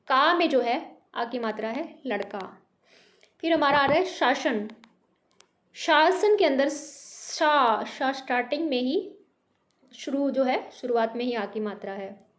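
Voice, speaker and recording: A woman with a high-pitched voice teaches a beginners' Hindi lesson online, patiently sounding out syllables, mixing in English words, and checking in with her students. The recording is noisy, with clicks.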